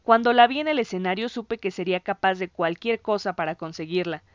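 A woman's voice: medium pitch, a little fast, clean tone, dry recording, lo-fi sound, lightly acted. A woman voicing a proud boy who boasts and defends himself. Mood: defensive. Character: proud boy, cocky but uneasy.

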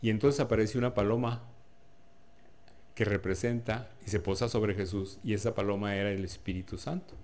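A man's voice: fairly low pitch, fairly even intonation, moderate pace, a little mellow. Man, sermon, chatty, rhetorical questions, jokes with listeners. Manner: jokes with the audience. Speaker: preacher.

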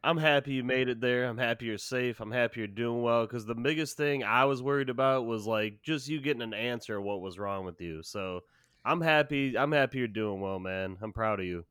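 A man co-hosting a podcast, speaking softly and supportively in casual chat. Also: medium pitch, a little fast, smooth, no echo, clean studio sound. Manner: soft-spoken, supportive. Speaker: podcast co-host.

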